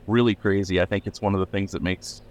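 A deep-voiced record label owner from Pennsylvania, USA, is a guest in a casual podcast interview, rambling about his label with lots of "like" fillers and restarts. He talks fast in a steady tone.

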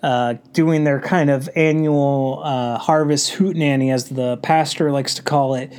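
A man's voice: on the high side, fairly even intonation, measured pace, a little mellow, clear, resonant tone. A man hosting a casual horror film review, congested from a cold, talking in a rambling way with many fillers. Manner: rambling, filler-heavy delivery.

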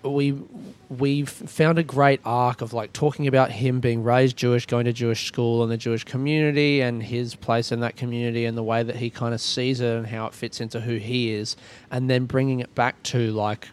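A man's voice: mid-range voice, level tone, normal speed. An Australian man hosting a podcast in a casual, rambling, conversational way, recorded on a boat. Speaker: podcast host. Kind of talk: casual solo podcast intro. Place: recorded on a ferry at sea. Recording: clear ambient noise aboard a boat. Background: ferry ambience.

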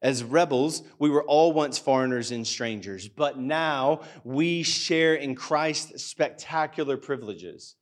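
A man's voice: medium pitch, takes it slowly, few pauses. A man preaching a sermon in a school hall, earnest and speaking into a microphone, now and then acting out his listeners' doubts in a livelier voice. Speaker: pastor. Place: school hall church gathering. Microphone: handheld or stand microphone.

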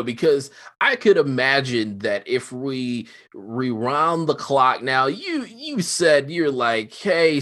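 A man interviewing a guest in a casual, playful way, acting out his own reactions as quotes. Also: a little high. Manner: playful, animated, acts out quotes.

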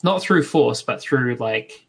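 A man playing in a tabletop game, describing his character's actions in halting, restarting phrases. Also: mid-range voice, animated, creaky, a bit bright, breathy edge. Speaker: player.

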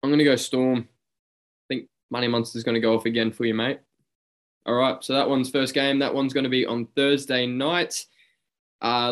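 An Australian man hosting a casual fantasy rugby league chat, talking in a matey, blokey tradesman sort of way. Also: mid-range voice.

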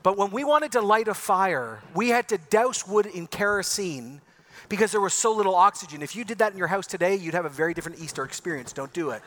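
A man with a high voice preaches an Easter sermon. He grew up in Ecuador and speaks in an emphatic, rhetorical style. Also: expressive, quick pace, fairly bright tone. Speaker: pastor.

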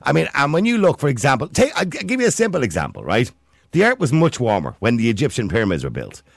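A man's voice: medium pitch, huge pitch swings, fast, vocal fry, husky, dry recording, clean studio sound. A man arguing insistently and cutting in during a heated pundit debate. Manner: argumentative, interrupting, insistent.

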